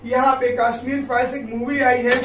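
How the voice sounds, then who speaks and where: A man's voice: very high-pitched, level tone, normal speed, a bit bright. A male grammar teacher, giving a classroom-style lesson, repeatedly calling his students kids and answering his own questions. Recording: echoey room, voice far from mic, faint background noise.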